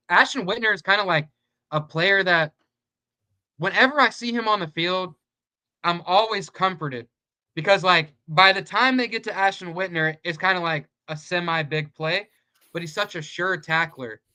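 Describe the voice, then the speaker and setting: A man co-hosting a sports talk show, talking in an animated way, full of "like" and quick asides. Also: sits high, clean tone. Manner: animated, says "like" a lot. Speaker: podcast co-host. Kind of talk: casual sports chat.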